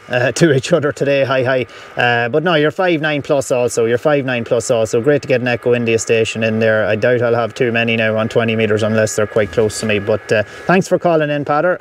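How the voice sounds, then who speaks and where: A man's voice: mid-range voice, a little hiss or hum. A man with an Irish accent, chatting on the air as a ham radio operator from his camper van, upbeat and friendly, spelling out call signs phonetically. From Ireland. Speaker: amateur radio operator on a field activation. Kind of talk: casual on-air radio chat.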